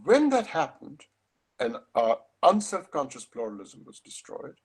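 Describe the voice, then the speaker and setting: A man's voice: a little high, very animated, measured pace, slightly rough. An older man giving an academic lecture over a video call, thoughtful and emphatic, often restarting his phrases.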